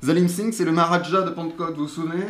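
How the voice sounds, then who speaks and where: A man's voice: a little high, fairly even intonation, very fast, a bit bright. A man hosting a game show in a jokey, easygoing way, reading out questions and laughing often.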